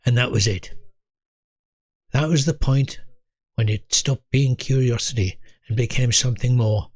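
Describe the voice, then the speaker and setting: An elderly man in his eighties from North East England tells reflective autobiographical stories to camera as host of his own video series. His husky, mid-pitched voice moves very unhurriedly in short, measured phrases with pauses between them, and the sound is dry and close with no room echo.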